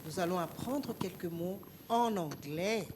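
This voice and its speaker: Woman hosting a kids show, pushing the children to sing louder, noisy recording. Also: on the low side, animated, measured pace. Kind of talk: leading children's show segment.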